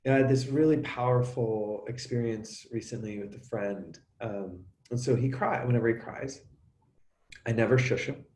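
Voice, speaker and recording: A middle-aged man talking openly as an interview guest, animated and halting, often restarting and acting out sounds. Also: medium pitch, reverberant. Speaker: actor and coach, interview guest. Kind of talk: emotional conversational interview.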